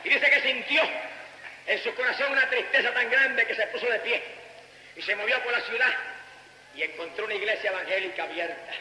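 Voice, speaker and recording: Puerto Rican evangelist man, high bright voice, shouts praise in a reverberant church hall. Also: a little hiss or hum. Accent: Puerto Rican Spanish. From Puerto Rico. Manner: impassioned, bursts into shouted praise between stretches of storytelling. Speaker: evangelist preacher. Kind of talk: fervent sermon. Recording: echoey hall with long reverb.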